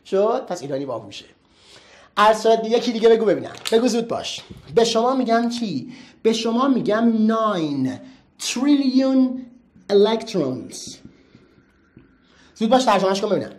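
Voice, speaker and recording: A teacher giving a classroom lecture in a playful, teasing way, firing quick rhetorical questions at the students. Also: medium pitch, animated. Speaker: English teacher.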